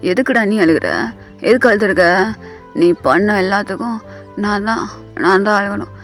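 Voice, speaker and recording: A woman voicing a cocky, possessive young man who speaks low and firm in a storybook reading. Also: normal speed, faint music behind, close to an everyday voice. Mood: bitter.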